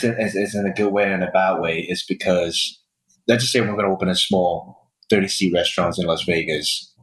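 Low-voiced middle-aged man in an echoey recording. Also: fairly bright tone. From Taiwan and the United States. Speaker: guest, chef and restaurant owner. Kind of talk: conversational interview answers. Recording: echoey, distorted remote podcast recording.

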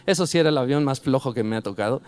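A man's voice: mid-range voice, very fast, very noisy. Fervent man preaching a sermon. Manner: conversational storytelling building to fervent exhortation.

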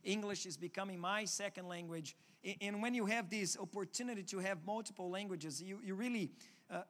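A pastor, a native Portuguese speaker with a Portuguese accent, preaches a sermon earnestly, often restarting his words. His voice is high and a bit bright, and the recording carries a long hall reverb.

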